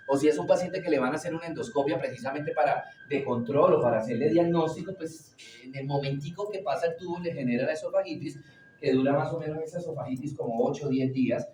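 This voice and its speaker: A man's voice: on the high side, quick pace, warm tone, a little hiss or hum. A man teaching a classroom lecture, asking the class questions and answering them himself. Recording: roomy echo, distant from the mic.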